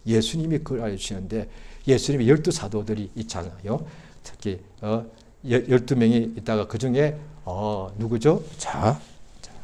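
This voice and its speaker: A male pastor preaching a sermon, swinging from quiet asides to loud impassioned cries and acting out the voices of doubters. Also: lowish voice. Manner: acts out quoted voices of doubters. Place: church sanctuary.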